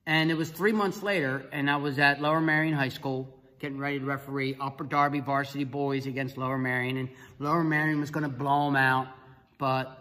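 A middle-aged man, an evangelist, animatedly telling a personal testimony and acting out the dialogue. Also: mid-range voice. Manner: animated storyteller who acts out dialogue. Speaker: evangelist and speaker. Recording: long reverb.

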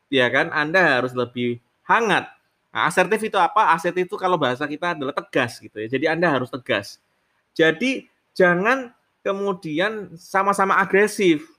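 A man's voice: a little high, bright, forceful tone. A man giving a lecture on leadership, often adding "gitu ya" tags, asking rhetorical questions and mixing in English terms.

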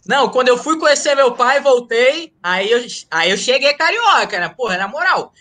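At a normal speed, a man with a very high-pitched, sing-song, sharp voice describes founding his running humor group. He was born in Rio de Janeiro, grew up in Ceará and carries its accent; the call is a casual interview, and he keeps things slangy, joking and tacking on tag questions.

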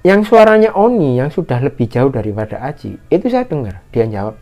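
A guest storyteller tells a casual horror story in an animated way, speaking a little fast and shouting out quoted lines in a higher voice. The recording's high frequencies are cut off.

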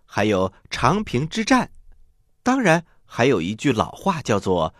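A man hosting a children's story show, telling tales expressively and pausing to explain things to young listeners. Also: medium pitch, huge pitch swings, dry recording, clean studio sound. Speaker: host and storyteller.

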